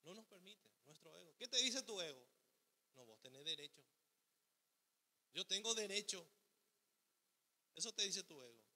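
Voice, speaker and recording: A man's voice: high-pitched, animated, normal speed, pauses often, pushed and bright. A man preaching a sermon as pastor, asking rhetorical questions and acting out the voice of the selfish ego. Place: church hall. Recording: long hall reverb.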